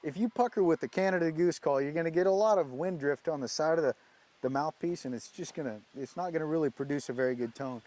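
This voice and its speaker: A man with a notably high voice works through a practical demonstration as a calling instructor. He explains in a casual, folksy way, step by step. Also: fast talker, noisy background.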